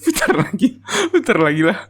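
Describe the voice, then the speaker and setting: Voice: mid-range voice, very animated, brisk, very noisy. Laughing, exclaiming reaction vlogger. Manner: laughs nonstop, exclaims loudly and repeatedly. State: laughing to tears. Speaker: reaction video creator. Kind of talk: casual reaction commentary.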